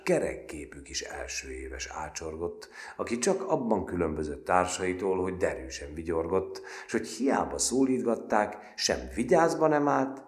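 A male narrator reading a novel aloud, with an extremely deep, low voice. His delivery is measured yet expressive, with a lively melodic line that rises and falls through the sentences.

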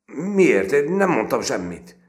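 A man reading an audiobook voices a cowardly, boastful teenage cadet boy who pleads and stammers in a high, loud voice. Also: very animated, close to an everyday voice. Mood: stammering.

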